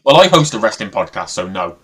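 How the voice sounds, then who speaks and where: A man's voice: fairly low pitch, big pitch swings, brisk, fairly bright tone, husky. A man hosting a wrestling podcast, asking eager, casual questions of his guest. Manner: enthusiastic, asks eager questions. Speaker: podcast host, interviewer. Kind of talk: casual interview.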